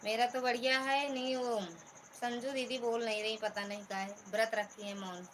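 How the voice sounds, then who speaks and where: A middle-aged woman with an Awadhi accent, hoarse from talking, casually chatting with viewers on a live stream and greeting them by name. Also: on the high side, flat delivery, normal speed, slight background noise. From Pratapgarh region, Uttar Pradesh.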